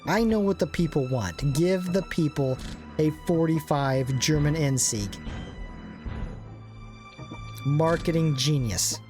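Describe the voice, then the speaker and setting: Taking it slowly and pausing often, a young gaming channel host with a fairly high voice rambles through strategy game commentary. He jokes around and teases himself, while game music plays behind him.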